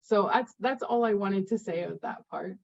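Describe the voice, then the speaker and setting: A middle-aged woman presenting in an online session, telling a personal story in a lively, expressive way. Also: medium pitch, normal speed, creaky. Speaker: presenter, parent. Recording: muffled lo-fi audio.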